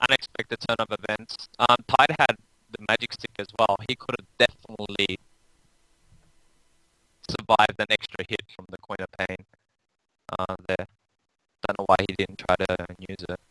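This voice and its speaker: A man giving analysis as co-commentator on a video game match, thinking out loud with pauses and fillers. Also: on the low side, flat delivery, dry recording, low-quality recording. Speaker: esports co-caster. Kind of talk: color commentary.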